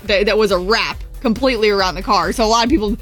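A woman's voice: mid-range voice, quick pace, a bit bright, soft background music. An American woman co-hosting a radio morning show, chatting and reading promos. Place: radio studio.

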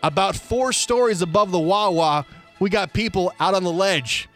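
A radio talk show host with a notably high, slightly bright voice reads police dispatch quotes and times aloud at normal speed on a comedy-tinged program. His delivery is emphatic, like an announcer's, with faint music playing behind him.

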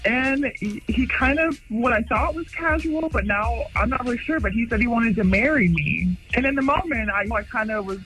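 Radio caller, woman in her thirties, voice disguised by a deepening filter; comes out high and sharp, hesitant and rambling. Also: animated, moderate pace, soft background music, low-quality recording. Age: 30s. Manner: hesitant, full of "you know" and "kind of". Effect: voice-disguising filter, sounds lowered and masculine. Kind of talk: casual radio call-in chat.

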